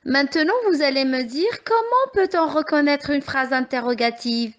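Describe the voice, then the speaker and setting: A young woman teacher explaining a grammar lesson to young children, patient and carefully articulated, with clearly rising questions. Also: sits high, normal speed, dull audio. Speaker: primary school teacher.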